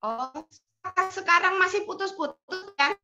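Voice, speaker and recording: A woman teacher presenting on a video call, her voice choppy and breaking up with a glitchy jumping pitch. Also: expressive, measured pace, pushed and bright, lo-fi sound. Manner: patient explaining, addresses listeners as Bapak Ibu. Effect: choppy, breaking-up video-call audio with jumping pitch. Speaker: teacher giving a webinar talk. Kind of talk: online presentation to fellow teachers.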